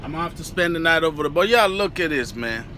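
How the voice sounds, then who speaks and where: Talking fast in a highish voice with lively intonation, a young man records a casual vlog from his parked truck cab. He's loose, chatty, and slangy, addressing viewers directly into a phone camera held at arm's length, with background noise present.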